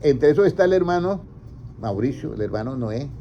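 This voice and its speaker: Pastor preaching with questions. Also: male voice, medium pitch, animated, normal speed. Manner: asks the congregation questions and answers himself. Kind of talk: interactive sermon. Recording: slightly dull, faint background noise.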